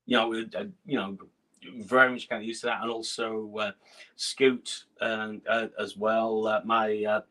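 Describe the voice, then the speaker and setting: In a low-quality recording, a middle-aged Scottish guest musician with a northern English accent talks casually in a video-call interview. His fairly low voice is flat and a little slow. He is hesitant, filling gaps with fillers, restarts, and soft laughs.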